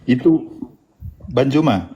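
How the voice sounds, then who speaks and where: A man in a live debate, pleading with his opponent, repeating himself and asking for calm. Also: medium pitch, slow, lo-fi sound. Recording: faint background noise.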